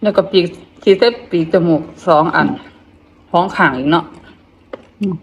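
This vlogger is a middle-aged woman with an Isan accent, eating as she chats and talking with food in her mouth. She speaks haltingly, repeating herself and murmuring between phrases. Her lowish voice comes through with the highs cut off and a faint hiss or hum.

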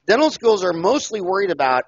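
An older man and dentist, talking loudly and emphatically, telling stories in an animated interview over a headset mic on a video call. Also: high voice, fairly quick, no echo. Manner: loud, emphatic, storytelling. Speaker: dentist and podcast guest. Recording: dull, lo-fi call audio.

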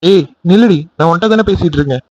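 A man's voice: sits high, fast, a little mellow, lo-fi sound. A man voicing a young man in a cartoon love story, pleading insistently with his angry girlfriend. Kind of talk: cartoon voice acting.

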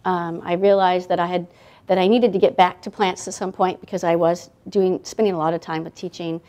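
A woman's voice: fairly low pitch, flat delivery, brisk, darkish tone. A woman in her thirties, a guest author talking casually at a library event, rambling with many fillers and restarts. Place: library event room, indoors.

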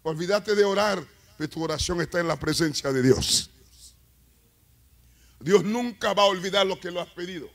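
A man preaches a sermon in a high, ringing voice. He tells stories quietly, then builds to loud, shouted peaks. He calls for the congregation to repeat after him. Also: normal speed, long pauses. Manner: preaching with rising, shouted climaxes and call-and-response. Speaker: evangelist. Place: church.

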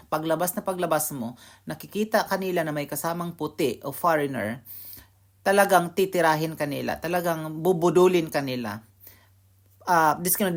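A man from the Philippines tells a story to camera in a relaxed vlog style. He slips into the voices of everyone involved as he acts out the exchange, keeping the retelling animated throughout. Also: on the high side. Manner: animated retelling, acting out both sides of the argument. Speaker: vlogger.

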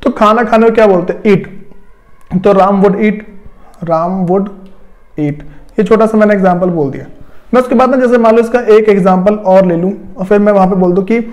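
Teaching English grammar at a board, a man with a high-pitched, slightly mellow voice talks at a quick pace. He walks through each step, repeating points and posing rhetorical questions to his students.

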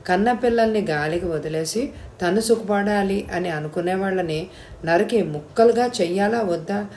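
Woman reader doing a bald, bullying older tycoon, loud and scolding, audiobook figure. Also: medium pitch, moderate pace, a little hiss or hum, natural voice. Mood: grumbling. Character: hot-tempered heavyset bald older rich man.

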